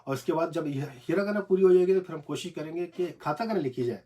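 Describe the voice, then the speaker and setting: A man teaching Japanese script in a casual, halting home video lesson, recorded on a phone in a small cramped room. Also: fairly high pitch, warm tone, slight background noise. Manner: hesitant, many fillers, repeats syllables slowly.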